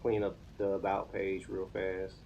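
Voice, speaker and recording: With a completely flat delivery at a measured pace, an American man in his thirties chats on a casual live coding stream, thinking aloud while he's learning web development. His very deep, creaky voice comes through lo-fi sound, with noticeable background noise and room ambience.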